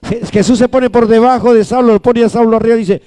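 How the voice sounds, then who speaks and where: A man's voice: very high-pitched, steady tone, fast talker, dark tone, clear, resonant tone. A man preaching a sermon as pastor, emphatic and calling on the congregation to answer back. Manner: emphatic, calls the congregation to respond.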